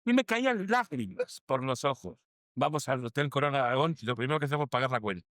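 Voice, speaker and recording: A man in a documentary interview spins a colorful story full of salty language and acts out the loud bits. His pitch sits in the middle range. The sound is dry and close. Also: sing-song, fast talker, no echo. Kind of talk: telling an anecdote in an interview.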